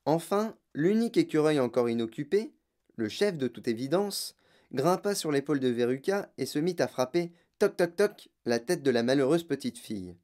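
A woman narrating a children's novel in an expressive storytelling way. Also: very deep voice, moderate pace. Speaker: reader.

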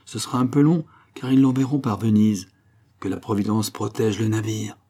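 A male audiobook narrator voicing a steady, reassuring male leader of a secret group. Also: on the low side, moderate pace, lightly acted.

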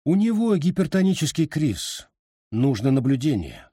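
A man voicing a tired ambulance doctor giving brisk, businesslike instructions. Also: a little high, big pitch swings, warm tone, husky, no echo, studio quality, pitched above the performer's own voice. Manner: brisk commands.

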